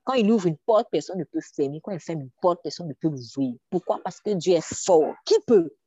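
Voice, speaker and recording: A woman delivers a sermon in a low, dark, mellow voice, driving her points home with rhetorical questions and repetition. She sometimes sinks to a near whisper. The recording is dry and somewhat dull. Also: lively intonation, a little fast, slightly rough, dry recording. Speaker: preacher.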